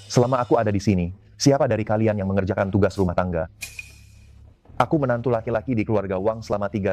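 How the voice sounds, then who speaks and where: Actor as low-voiced wronged young husband. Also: male voice, dark tone, natural voice. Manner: earnest, reproachful. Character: wronged, long-suffering young live-in son-in-law, proud. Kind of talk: dubbed drama acting. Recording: dramatic music behind the voice.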